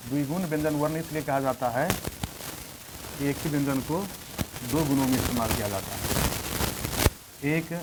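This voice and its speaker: A male teacher works through a Hindi grammar lesson, going slowly and repeating letters one by one. His voice sits at a middle pitch for a man. The recording carries a steady sizzling noise in the background. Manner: slow, repetitive, spells out letters one by one.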